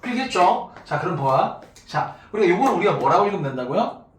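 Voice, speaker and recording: A man's voice: high-pitched, sing-song, fairly quick. A man teaching a math class to students, talking casually and constantly checking that they follow. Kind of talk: classroom lecture. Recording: echoey room, mic far off, faint noise.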